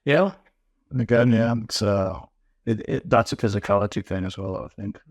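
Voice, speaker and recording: A man from Newcastle with a mixed northern English accent, a podcast guest telling his story in relaxed casual chat, often restarting his sentences. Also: on the low side, moderate pace, no echo, studio quality. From Newcastle, England.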